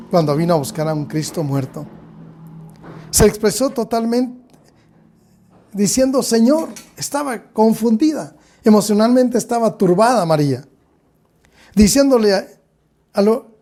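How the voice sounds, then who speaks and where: A Guatemalan man preaches a sermon in a fairly high voice. His tone is mellow and soft-edged. He keeps turning to address his congregation as brothers and sisters. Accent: Guatemalan Spanish. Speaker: pastor.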